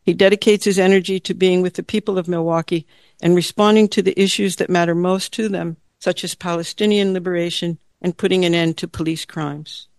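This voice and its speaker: A woman hosting an event, reading a steady, formal introduction of her guest. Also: on the low side, a little fast, dry recording.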